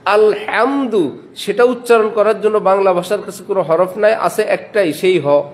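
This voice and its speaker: A man preaching a religious lecture in a Bangladeshi Bengali accent. He is a madrasa principal who asks his listeners questions, answers them himself and spells out letters and sounds slowly. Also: sits high.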